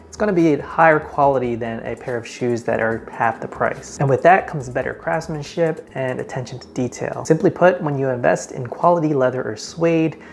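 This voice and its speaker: A man's voice: medium pitch, creaky. A man hosting a men's style video, presenting tips in a casual vlogger manner with direct address and emphatic numbered points. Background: faint background music.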